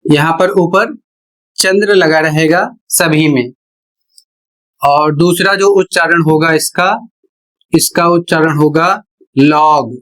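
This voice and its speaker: A man teaching English pronunciation in a slow explanatory lesson, deliberate and repeating his phrases while drawing out key sounds. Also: on the high side, steady tone, a bit bright, low-quality recording.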